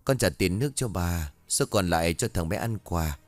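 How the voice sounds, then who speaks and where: Elegant, polite rich stranger woman, voiced by a man, lively delivery. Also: low voice, moderate pace, no echo, voice pushed down.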